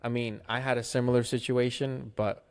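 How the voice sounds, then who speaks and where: A man's voice: medium pitch, little pitch movement, moderate pace, smooth. A man in casual podcast chat who talks reflectively, offering advice and often restarting his sentences. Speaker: podcast co-host.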